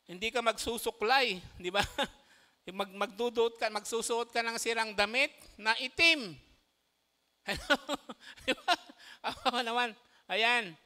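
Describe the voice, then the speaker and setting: A man's voice: high voice, bright, forceful tone, smooth. A man with a Filipino accent preaching a sermon in church, mixing in English and chuckling between his phrases. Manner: switches between Tagalog and English, often says "ayan" and "okay".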